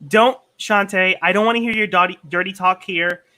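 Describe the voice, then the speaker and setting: A man's voice: sits high, fairly even intonation, normal speed, background noise. A man in a comedy troupe, mock-indignant and teasing, improvising a sketch over a video call.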